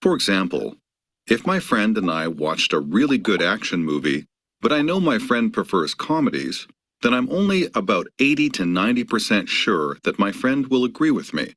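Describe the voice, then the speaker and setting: A man giving scripted instructional narration on grammar, measured and explanatory, acting out the example sentences. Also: on the low side, big pitch swings, a bit bright, no room sound, clean studio sound.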